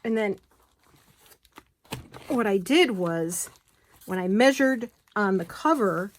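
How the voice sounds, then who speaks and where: A woman's voice: mid-range voice, expressive, takes it slowly, slight background noise. A woman giving a casual hands-on tutorial, chatting and talking to herself as she works, with apologetic asides. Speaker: crafter demonstrating bookbinding. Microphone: phone camera close by.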